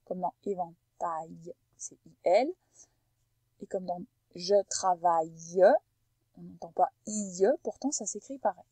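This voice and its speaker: A woman teacher giving a phonics lesson to a young pupil, patiently spelling out sounds and stretching words slowly and carefully. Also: fairly low pitch, fairly even intonation, dark tone, breathy edge, dry recording, low-quality recording. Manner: slow, careful over-articulation of sounds for a child.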